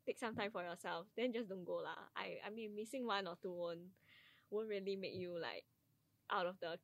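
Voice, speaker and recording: A woman's voice: mid-range voice, normal speed, no room sound. A young woman with a Singaporean accent, speaking Singlish in a casual student discussion. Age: young adult. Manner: Singlish with local particles. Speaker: university student on a podcast.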